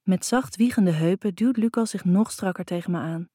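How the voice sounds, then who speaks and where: A woman reads a first-person romance story in an intimate, even way. Her voice is low and warm, close to the mic, with a dry sound and no room echo. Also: normal speed. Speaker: audiobook narrator. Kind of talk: first-person scripted narration.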